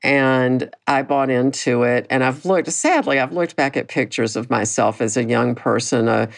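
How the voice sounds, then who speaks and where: Speaking at a normal speed, this woman in her sixties hosts a personal podcast with candor and reflection. Her low voice is creaky and doesn't carry, and she often begins phrases again.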